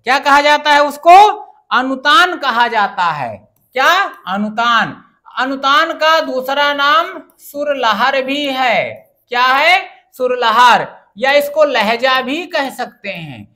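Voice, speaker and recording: A woman with a high, bright voice works through exam questions one after another. She asks the class each question, then answers it herself with a steady teacher's rhythm. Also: slow. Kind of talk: exam-prep grammar lesson.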